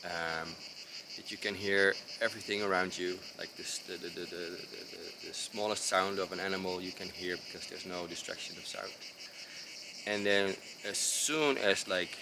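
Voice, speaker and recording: Out in the rural mountains, a designer from the Netherlands explains his approach in a deep, low voice with a Dutch accent and fairly even intonation. His delivery is slow, uneven and hesitant, full of fillers, pauses and restarts, yet casual. Behind him, crickets and insects chirp distinctly over background noise.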